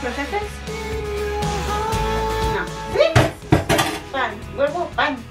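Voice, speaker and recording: Woman from Spain, mother, slow patient coaching, high pitch, far-off roomy kitchen, loud music behind. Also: expressive. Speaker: mother cooking with her daughter. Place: home kitchen.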